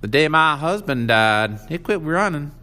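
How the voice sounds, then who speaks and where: Man doing old toothless countrywoman, blunt, wary, raised high voice, storybook reading. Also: sing-song, measured pace, sharp tone, exaggerated voice.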